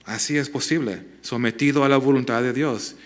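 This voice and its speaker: A man preaching a sermon as a pastor, earnest and pleading, often restarting words and dropping to soft appeals. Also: medium pitch, normal speed. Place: church sanctuary.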